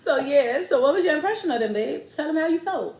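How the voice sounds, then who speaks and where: A woman's voice: sits high, lively intonation, quick pace, darkish tone. A young woman, casually and animatedly telling a story to her viewers, laughing and using slang. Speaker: vlogger, co-host with partner. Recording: echoey room.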